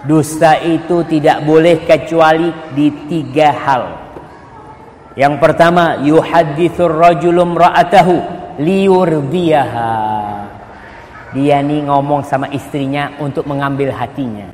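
A middle-aged man preaching a sermon, telling lively stories, acting out quoted voices and reciting Arabic sayings slowly. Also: on the high side, slight background noise. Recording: echoey hall with faint ambience.

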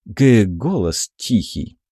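A man voicing a shy, quiet older monk who stammers on his words. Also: on the low side, sing-song, slow, husky, no echo, clean studio sound, exaggerated voice. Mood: meek.

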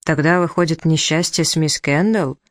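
A man voicing a calm young male country doctor who speaks gently and soothingly, in a storybook reading. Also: fairly high pitch, moderate pace, no echo, studio quality, natural voice.

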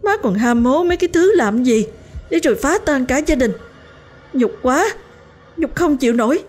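A woman's voice: high voice, animated, moderate pace, darkish tone, soft background music, pitched above the performer's own voice. A woman voicing a furious, tearful young woman screaming in public. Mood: shrill outcry.

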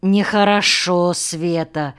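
A woman's voice: fairly low pitch, slow pace, a bit bright, clean tone. A woman voicing a patient male schoolteacher who mildly chides and coaxes his pupils with questions, in an audiobook. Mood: gently chiding. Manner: mildly chiding, coaxing questions. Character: patient male village schoolteacher, gently reproachful. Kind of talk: audiobook character voice.

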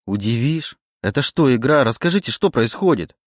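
A man's voice: mid-range voice, lively intonation, moderate pace, dry recording, clean studio sound, voice pushed up, close to an everyday voice. A man reading an audiobook, voicing a confused, frightened young man with a pleading, rising panic. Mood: agitated.

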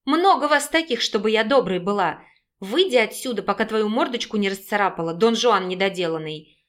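A woman reading an audiobook, voicing a sharp-tongued, defiant young woman who snaps and mocks. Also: medium pitch, lively intonation, fairly quick, natural voice. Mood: scornful. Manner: snapping, sarcastic.

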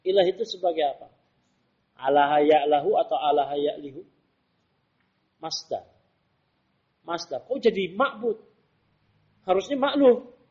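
A man teaches a religious class, checking his students with question after question. His voice sits high and a little husky. The recording is dull and lo-fi. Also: a little mellow. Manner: quizzing students with rhetorical questions. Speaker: Islamic teacher.

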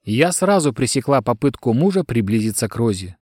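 A man reading a detective novel aloud as an audiobook narrator, in an even, measured way. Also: mid-range voice, no echo, studio quality.

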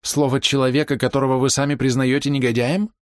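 Guy doing a high-pitched older lady, proud and upset, pleading then snapping, dry close sound. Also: level tone, fast, dry recording, close to an everyday voice. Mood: defiant. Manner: pleading, indignant, breaking into outbursts. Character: proud distraught older woman, fiercely defending her brother.

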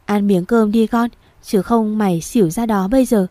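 A gruff but kind older farmer neighbor with blunt, rustic country speech, as a woman reading a story aloud puts him on. Her tone is mellow and dark. The recording is dry and close. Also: medium pitch, fairly even intonation, normal speed, dry recording, lightly acted. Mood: gruff kindly.

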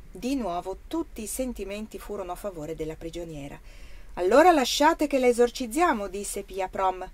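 An audiobook reader, a woman with a medium-pitched voice, narrates a novel aloud from a script. Her narration is measured and expressive.

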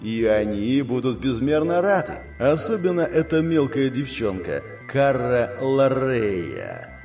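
A man's voice: medium pitch, very animated, takes it slowly, a little mellow, distant mic, soft background music. A man voicing a mysterious spirit that speaks inside a hero's mind, demanding and insinuating. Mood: menacing.

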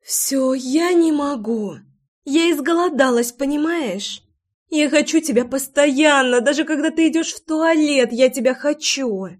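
A woman's voice: on the high side, animated, slow, darkish tone. A woman reading aloud and voicing an impatient, demanding pregnant young woman in an audiobook. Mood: pleading. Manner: pleading, breathless, insistent.

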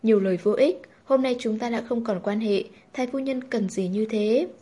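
A woman reading the lines of a calm young noblewoman who speaks quietly and firmly. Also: a little high, normal speed, husky. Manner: quiet, firm.

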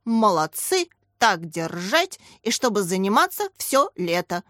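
Woman voicing a PE teacher, male, storybook, hearty, slow chanting, dry sound. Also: mid-range voice, very animated, a bit bright, no echo.

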